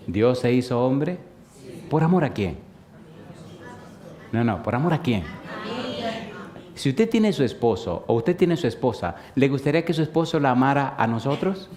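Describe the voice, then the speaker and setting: A man's voice: mid-range voice, darkish tone. Playful storytelling preacher man. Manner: storytelling, playful, asks the congregation questions. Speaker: pastor. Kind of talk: sermon.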